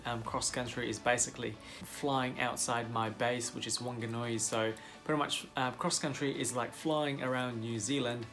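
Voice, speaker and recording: With a creaky, slightly bright mid-range voice, this young man from the Philippines talks in a Filipino accent. He's a commercial pilot giving viewers a relaxed, friendly rundown of pilot licenses, using lots of fillers.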